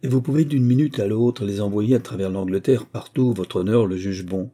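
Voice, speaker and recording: A man's voice: on the low side, a little fast, mellow, husky. A man voicing an obliging, respectful jailer in an audiobook.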